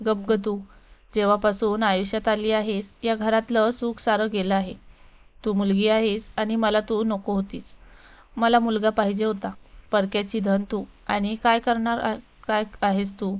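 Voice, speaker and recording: A woman voicing an angry, cruel middle-aged husband who shouts scornfully at his wife and daughter. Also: mid-range voice, little pitch movement, measured pace, clean tone, lo-fi sound, close to an everyday voice.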